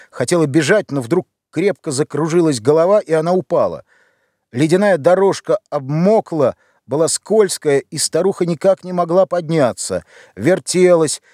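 A man's voice: a little high, a little mellow, dry recording, studio quality. Man reading a somber audiobook. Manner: measured, somber. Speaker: audiobook reader. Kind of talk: literary audiobook narration.

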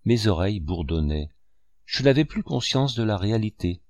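A man narrating an audiobook in a steady, measured storytelling manner. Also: fairly low pitch, dry recording, clean studio sound.

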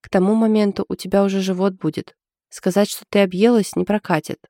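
A stern, practical older sister with a blunt, sharp-tongued way of talking, read by a woman. The voice is warm and dark. The sound is dry. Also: medium pitch, fairly even intonation, a little fast, no room sound, close to an everyday voice. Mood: gentle.

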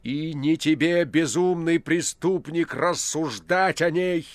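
A man reading an audiobook, voicing a harsh, cruel Roman procurator with a hoarse, strained voice and slow, barking outbursts. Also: low voice, lively intonation, no room sound, exaggerated voice. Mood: furious. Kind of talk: audiobook character voice.

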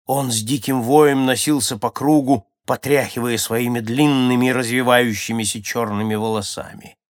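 A man narrates a children's audiobook story with dramatic swings, rising loud at tense moments and dropping to a near hush. His voice is mid-pitched and sounds dry and close-miked. The reading is steady and scripted. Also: dry recording.

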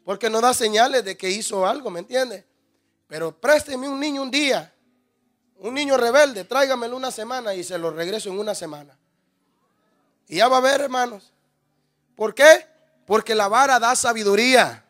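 A man's voice: extremely high pitch, expressive, normal speed, long pauses, a bit bright. A man preaching a sermon, firing rhetorical questions at the congregation, calling them brother and acting out little scenes. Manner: rhetorical questions, calls listeners "hermano", acts out scenes.

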